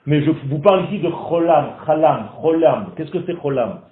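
A man teaching a group in a lively, questioning way, teasing his listeners. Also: on the high side, brisk. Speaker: Torah teacher. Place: classroom in Israel. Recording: echoey room on a tinny phone-like recording.

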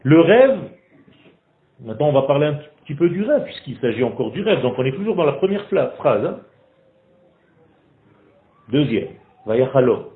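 A man teaching a group in a lively, questioning way, teasing his listeners. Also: mid-range voice, normal speed, pauses often. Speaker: Torah teacher. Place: classroom in Israel. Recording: echoey room on a tinny phone-like recording.

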